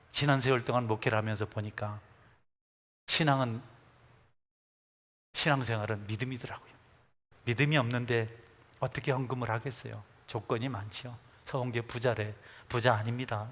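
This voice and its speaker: A man's voice: medium pitch, fairly bright tone. A middle-aged man preaching a sermon as pastor, emphatically exhorting his congregation and calling for amens. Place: church sanctuary. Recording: echoey church hall.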